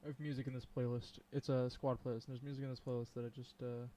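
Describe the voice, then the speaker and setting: A man of ordinary pitch thinking aloud through a live coding session, rambling and dotting his talk with ums. He breaks off now and then to chat and laugh with his viewers, and a faint noise sits under his voice. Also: level tone, quick pace, mellow. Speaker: streamer. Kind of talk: live coding stream commentary.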